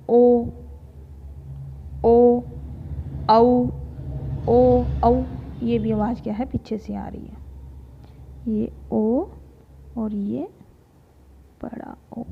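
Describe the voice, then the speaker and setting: A woman teaching a Hindi grammar lesson, slowly sounding out vowels and talking to her students as children. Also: fairly high pitch, creaky, a little hiss or hum. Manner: slow, drawn-out demonstration of vowel sounds, addresses students as children. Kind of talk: classroom lesson. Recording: dull lo-fi recording.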